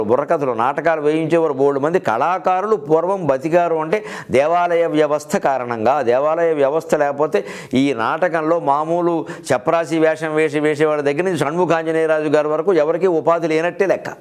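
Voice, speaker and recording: Middle-aged male lecturer with a slightly high voice, storytelling style, with humorous asides and verses quoted slowly. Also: clean tone. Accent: Telugu. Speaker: literary speaker and host.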